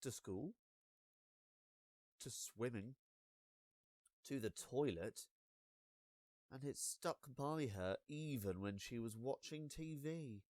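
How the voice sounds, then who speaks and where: Reading aloud from a children's storybook, an expressive male narrator stretches his words and uses deliberate dramatic pauses. His voice is mid-range, and there's no room sound.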